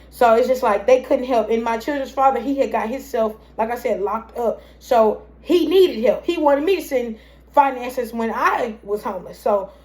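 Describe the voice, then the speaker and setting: A young woman tells a long personal story to her viewers. She rambles, circles back and keeps calling them "y'all". Her voice sits a bit on the high side. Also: darkish tone. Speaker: vlogger telling her story. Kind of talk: casual storytime monologue.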